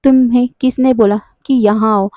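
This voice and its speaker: A woman's voice: fairly high pitch, steady tone, normal speed, no room sound, dull audio, lightly acted. A woman voicing a cold, curt young man who coldly dismisses the one who loves him, in a spoken storybook retelling.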